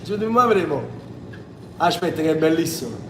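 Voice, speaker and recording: A man's voice: on the high side, animated, brisk, background noise. A man from Sicily with a southern Italian accent, a singer hosting a livestream in casual chat. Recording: echoey room, music behind.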